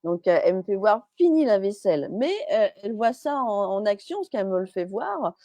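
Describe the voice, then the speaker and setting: A woman's voice: medium pitch, very animated, fairly quick, a little mellow, no echo. A woman medium on a live stream, chatty and hesitant, with many fillers and restarts, relaying messages as quoted speech.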